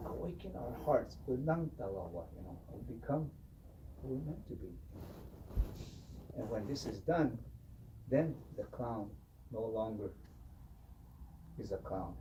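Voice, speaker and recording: Lively storyteller man. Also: fairly low pitch, background noise. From Hopi. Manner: animated, frequent "you know". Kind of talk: oral storytelling. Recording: distant mic with faint ambience.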